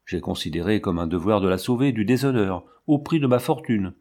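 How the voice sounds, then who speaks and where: A man's voice: on the low side, a little fast, a little mellow, close to an everyday voice. A man voicing a stern aristocratic count who speaks curtly and imperiously in an audiobook. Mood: resolute. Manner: curt, imperious, menacing. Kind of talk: audiobook narration.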